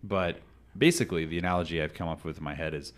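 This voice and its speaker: A man in his thirties hosting a casual interview, talking in a rambling, animated way and laughing often. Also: deep voice, fast talker. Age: 30s. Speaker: podcast host.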